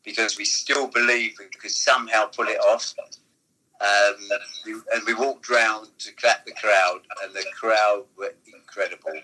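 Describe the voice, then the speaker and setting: A man reminiscing about old football seasons in a casual, halting chat, often restarting his sentences. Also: fairly low pitch, fairly even intonation, bright, forceful tone, low-quality recording. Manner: rambling, halting storyteller with restarts. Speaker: former football club figure, guest.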